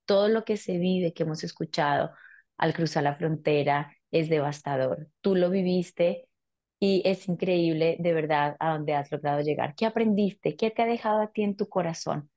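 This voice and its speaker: A woman's voice: sits low, normal speed, mellow. A woman hosting a TV interview, asking her guest questions in an earnest, encouraging way. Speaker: host. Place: small studio set.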